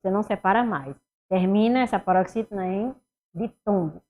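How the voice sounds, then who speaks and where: A woman from teaching a Portuguese exam review, asking herself questions and answering them, her voice swinging between loud and soft. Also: medium pitch, brisk, narrow, tinny audio.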